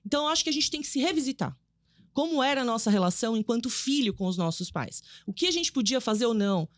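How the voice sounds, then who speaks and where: A woman psychoanalyst talking casually on a podcast, explaining fast with lively emphasis. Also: fairly high pitch, no echo, studio quality. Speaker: psychoanalyst guest.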